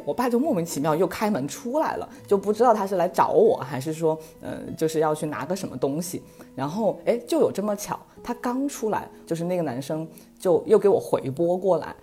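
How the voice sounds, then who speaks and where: A woman in her thirties chatting casually on a podcast, telling a story in a lively way and laughing often. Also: on the low side, slightly rough. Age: 30s. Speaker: podcast guest.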